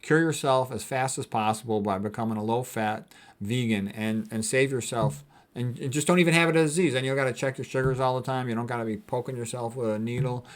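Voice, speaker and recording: Speaking fast in a mid-range voice, a male doctor lectures informally, brushing off quotes in blunt, everyday language and emphatically repeating himself.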